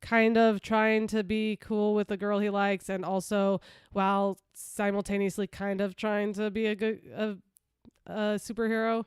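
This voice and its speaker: A woman co-hosting a casual movie podcast, opinionated and quick to talk over her partner. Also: mid-range voice, level tone, smooth, no room sound, clean studio sound. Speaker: podcast co-host.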